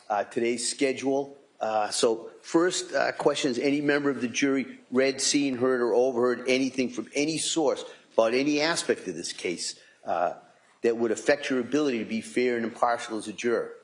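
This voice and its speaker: An American man, a judge, speaking courteously and haltingly as he explains things from the bench. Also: medium pitch. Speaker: judge presiding over a trial.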